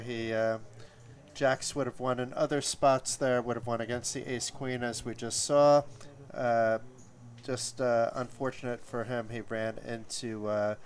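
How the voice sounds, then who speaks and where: Male poker commentator, analytical and explanatory, mid-pitched voice, live stream play-by-play. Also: clear, resonant tone.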